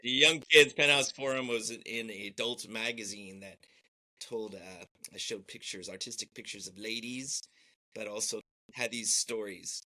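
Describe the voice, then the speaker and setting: A man's voice: on the low side, moderate pace, pushed and bright. A man co-hosting a podcast, making dry, crude wisecracks in casual chat. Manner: dry, wry asides, crude humor. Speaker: podcast co-host.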